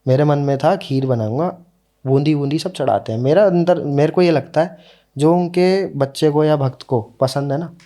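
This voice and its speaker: Speaking with a fairly high pitch and a warm, mellow tone, a young podcast guest tells a story about himself. He keeps it conversational and heartfelt, pausing his pace so the emotional parts have weight.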